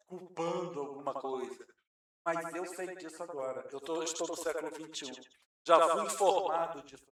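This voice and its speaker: A man with a Brazilian Portuguese accent giving a Spiritist lecture to an audience, explaining patiently and posing rhetorical questions he then answers. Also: high voice. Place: lecture hall. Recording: very echoey hall, mic far off.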